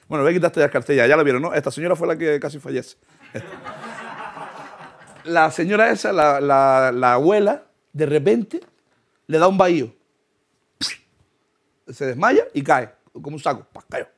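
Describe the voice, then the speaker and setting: Gravelly, high-voiced comedian. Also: male voice, normal speed, pauses often. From Canary Islands. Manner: animated, acts out voices, laughs through lines. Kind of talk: comic storytelling monologue.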